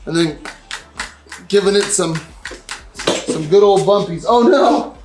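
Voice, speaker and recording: A man's voice: a little high, steady tone, slow, roomy sound, background noise. A man casually explaining a motorcycle grip install, laid-back and jokey, tired and out of breath. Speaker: motorcycle vlogger. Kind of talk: casual how-to chat.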